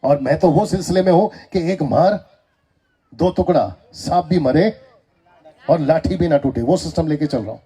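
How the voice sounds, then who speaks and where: A man with an Indian accent giving a lively sermon in a church hall, teasing the crowd and calling for answers back. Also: on the high side, moderate pace, slightly rough. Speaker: preacher. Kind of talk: sermon with call-and-response.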